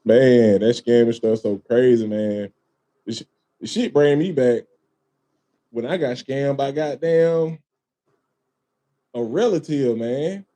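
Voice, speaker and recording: A man's voice: medium pitch, takes it slowly, pauses often, mellow. A man hosting a casual podcast, telling a long story with lots of swearing, laughter and "man" and "bro" thrown in. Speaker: podcast host.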